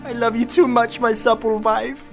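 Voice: mid-range voice, steady tone, moderate pace, creaky, soft background music, lightly acted. An actor playing a weird, flirty, German-sounding male suitor in drag, talking in an exaggerated, crude way. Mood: smitten.

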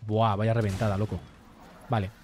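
Hombre que comenta un juego en directo, muy hablador y malhablado. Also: male voice, on the low side, little pitch movement, normal speed, darkish tone, slight background noise. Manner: chatty, swears often, reads and answers chat. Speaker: streamer. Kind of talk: live gameplay commentary.

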